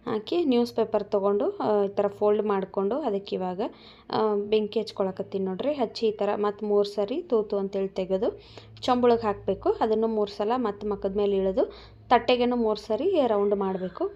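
A young woman who's a vlogger and mother chats casually with viewers in a home vlog, showing them her housework and repeatedly saying "look." Her voice is mid-range, with the highs cut off.

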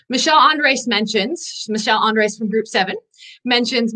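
A woman hosting a live good-news show, bubbly and enthusiastic, a little out of breath, rushing through her stories. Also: mid-range voice, a bit bright. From Northwest Indiana. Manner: bubbly, enthusiastic, talks in quick bursts. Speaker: host.

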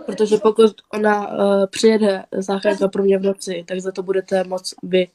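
A woman's voice: medium pitch, completely flat delivery, warm tone. A woman arguing on a live stream, blunt and accusing. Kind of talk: heated argument on a live stream.

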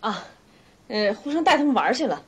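An actress playing a kind young mother, speaking softly and easily. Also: fairly high pitch, sing-song, fairly quick, slight background noise. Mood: mild. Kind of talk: 1990s TV drama acting.

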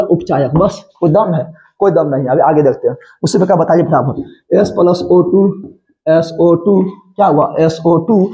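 A man with a high-sitting, warm voice leads a chemistry exam-prep lesson. He drills terms through playful, repetitive call-and-response questions and answers. The recording sounds dull and lo-fi.

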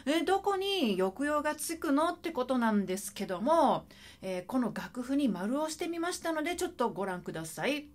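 A woman with a high, bright-pitched voice gives a saxophone lesson. She talks in a lively, chatty way that swings up and down, and she breaks into scat syllables to show the rhythm. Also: a little fast. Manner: lively, chatty, sings and scats phrases to demonstrate. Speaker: saxophone teacher. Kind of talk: video music lesson.

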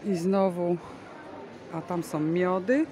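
A woman with a lowish voice speaks at a slow pace as she hosts a casual vlog, chatting enthusiastically and explaining goods while filming from behind a handheld phone in a large covered market hall. The recording carries the busy noise of the bustling market crowd around her.

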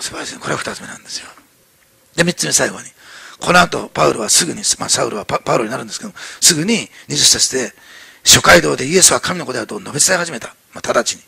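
Animated, gravelly-voiced male pastor preaching. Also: fairly high pitch, dry recording. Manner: animated preaching, acting out quoted voices, many fillers. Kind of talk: sermon. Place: church.

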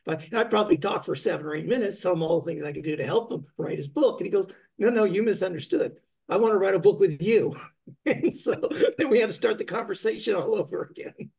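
A man tells a friendly anecdote on a video call in a somewhat high, husky voice with a gravelly edge. He is an author and publishing coach speaking casually to a panel. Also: quick pace, darkish tone.

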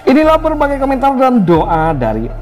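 A woman's voice: sits high, wildly swooping pitch, fairly quick, over music. A woman narrating a celebrity gossip video in an upbeat, sing-song voice-over, addressing viewers directly. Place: voice-over recorded apart from footage.

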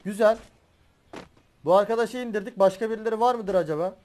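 A young man giving excitable commentary while he plays a battle royale game as a gaming YouTuber, swearing and laughing as he goes. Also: sits high, quick pace. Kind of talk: live gameplay commentary.

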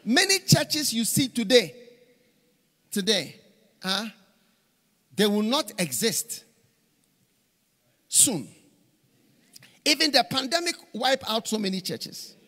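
An animated middle-aged male preacher with a lively pitch speaks slowly and pauses often. He delivers a conference sermon of storytelling with repeated phrases, using a handheld mic on a large church stage where the hall reverberates.

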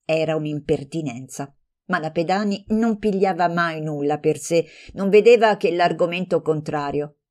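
A woman narrating a classic novel as an audiobook, reading in a measured, expressive way. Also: sits low.

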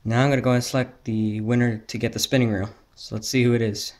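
A man's voice: mid-range voice, level tone, fast talker. A teenage male with an American accent hosting a casual vlog-style giveaway announcement, talking directly to viewers. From New Jersey, United States. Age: teens. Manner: casual, addressing viewers as guys. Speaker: fishing channel host.

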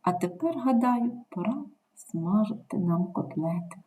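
A woman reading the lines of a young husband, gentle and reassuring. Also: mid-range voice, expressive, a little slow, far from the mic, lightly acted. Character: young husband, calm and loving.

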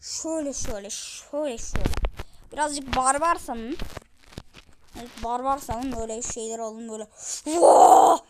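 A woman hosting a gaming channel, commenting on her play in an excitable, chatty way with sudden yells. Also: fairly high pitch, normal speed, slight background noise. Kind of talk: game commentary.

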